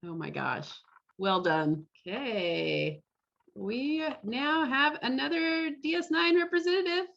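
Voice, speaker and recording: Hosting a live online costume parade casually via video call, this woman speaks through a computer mic, so the call audio sounds slightly dull. Her high-pitched voice is a bit bright, with vocal fry and a slow delivery.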